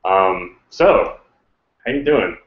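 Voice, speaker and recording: A man hosting a casual chat, relaxed and hesitant, with many fillers and restarts. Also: low voice, takes it slowly. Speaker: host. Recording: roomy, dull lo-fi sound.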